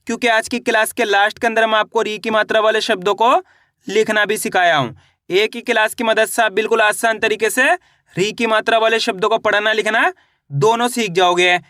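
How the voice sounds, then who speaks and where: A man with a high, bright voice teaches reading, sounding out each syllable slowly and then joining them. He asks the same question again and again and answers it himself. The recording is dry and close, with no room sound. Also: no echo. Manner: slow syllable-by-syllable spelling with repeated call-and-answer prompts. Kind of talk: scripted phonics lesson.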